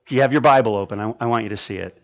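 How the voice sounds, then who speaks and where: A pastor in his fifties preaches a sermon in a lowish voice at a racing pace, swinging between loud, emphatic stretches and quiet ones. He often stammers and restarts, and the sound is lo-fi.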